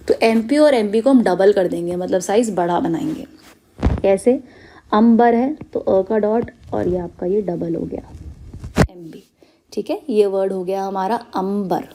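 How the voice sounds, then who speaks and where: A woman with a warm, mid-range voice, heard over slight background noise, teaches stenography step by step. She explains each shorthand rule patiently, weaves in English terms, and checks often with "clear?" and "okay" that her class is keeping up.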